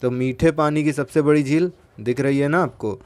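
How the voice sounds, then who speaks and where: A man's voice: a little high, fairly even intonation, normal speed, darkish tone. A man teaching exam geography, talking in a chatty way and asking and answering his own questions. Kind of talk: lecture with memory tricks.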